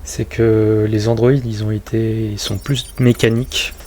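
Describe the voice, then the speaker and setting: A man's voice: on the low side, flat delivery, a little slow, darkish tone, a little hiss or hum. Man doing casual let's play commentary. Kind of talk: casual game commentary, reading on-screen text aloud.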